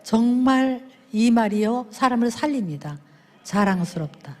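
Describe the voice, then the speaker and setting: A woman speaking at a church service, telling lively stories and acting out the people in them with big swings in her voice. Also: a little slow. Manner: animated, acts out dialogue with big pitch swings. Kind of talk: lively sermon storytelling with acted quotes. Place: church sanctuary. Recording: long reverb of a church hall.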